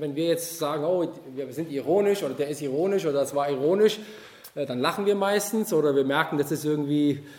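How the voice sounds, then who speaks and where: A high-pitched man preaches in a roomy, echoing space. He speaks animatedly, swinging between loud emphasis and quiet asides. He keeps turning to his listeners with direct questions. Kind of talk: sermon at a youth Easter retreat.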